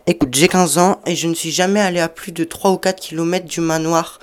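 A woman's voice: lowish voice, fairly even intonation, a little fast, lightly acted. A woman playing a bold teenage shapeshifter boy. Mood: determined. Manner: earnest, determined. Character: restless fifteen-year-old boy shapeshifter, bold.

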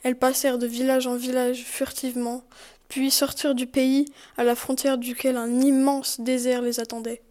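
High, flat-voiced woman narrating a story. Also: normal speed. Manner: announces chapter titles.

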